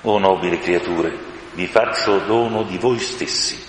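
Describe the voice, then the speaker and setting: Guy doing a deep slow storybook lion, commanding, kinda roomy echo. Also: a little hiss or hum. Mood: solemn. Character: great solemn male lion, stern yet glad. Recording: echoey room with long reverb.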